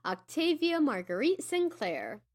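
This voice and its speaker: On a tabletop game podcast, a woman who is both host and player banters casually and enthusiastically with emphatic delivery. Her voice sits high with huge pitch swings, though her pace stays measured.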